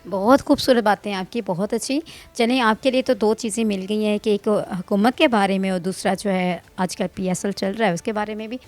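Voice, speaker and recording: A woman's voice: medium pitch, fairly even intonation, hardly any pauses. A woman interviewer asking polite, encouraging questions in a casual interview.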